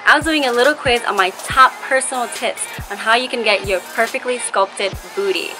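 A woman's voice: fairly high pitch, normal speed, sharp tone. A woman in her twenties coaching a workout and counting down the reps aloud as she exercises. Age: 20s. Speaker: fitness video host. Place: large indoor gym studio with wooden floor and mirrors. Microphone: camera a few steps away. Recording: echoey gym hall. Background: music.

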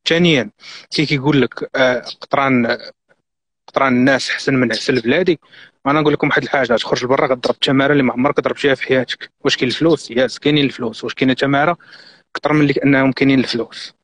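A middle-aged Moroccan man talks at a breakneck pace on a live stream. His voice sits at an ordinary middle pitch. He gives earnest, insistent advice and slips French and English words into his speech. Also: fairly even intonation, very fast, fairly bright tone, dry recording. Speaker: guest.

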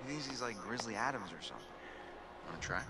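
A cocky young college guy from a video game, teasing and playful. His voice swings up and down with lively energy, and heavy noise runs behind it. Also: lowish voice, fast talker. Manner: joking, playful. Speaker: game character.

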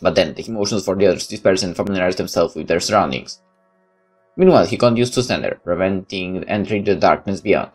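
A fast-talking let's player with a low-sitting voice reads a game's narration aloud and adds comments of his own. There's no camera, and game music plays in the background.

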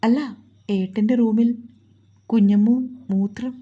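A woman's voice: mid-range voice, fairly even intonation, slow, highs cut off. A woman voicing a timid, apologetic young mother in a storybook reading. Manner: soft, apologetic.

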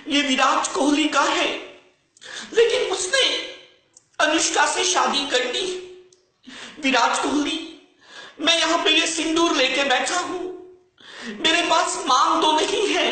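Man, high bright voice, slow theatrical mock sobbing, comedy skit, very echoey room. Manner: melodramatic mock wailing, breaks into giggles. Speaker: comedy video maker. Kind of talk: comic skit.

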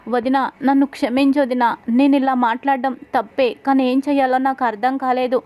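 A woman's voice: high-pitched, flat delivery, normal speed, darkish tone, close to an everyday voice. A woman voicing a tearful young married woman who speaks in a pleading, sorrowful way. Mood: apologetic.

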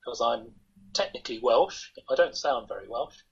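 With lively intonation and a husky, somewhat bright mid-range voice touched by vocal fry, an older man talks at normal speed. He rambles self-deprecatingly as an interview guest on a video call, sitting in a room at home. The laptop webcam yields dull, lo-fi audio.

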